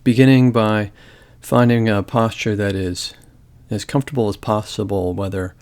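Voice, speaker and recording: A man with a fairly low voice leads a body scan meditation, his delivery gentle, calm and measured, with long silences left between phrases.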